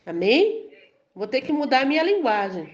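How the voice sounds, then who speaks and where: A Brazilian woman preaches in a loose, conversational way and keeps asking her listeners whether they follow. Her voice sits a little high. The recording sounds dull and lo-fi. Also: big pitch swings, normal speed. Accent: Brazilian Portuguese. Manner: chatty, keeps asking "entendeu?" and "amém?", laughs lightly. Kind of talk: conversational sermon.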